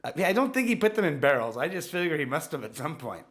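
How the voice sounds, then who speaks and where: A man's voice: on the high side, fast. A young man co-hosting a podcast, chatting casually and joking with an easy laugh. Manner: relaxed and joking, often laughing. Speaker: podcast co-host. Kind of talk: casual chat.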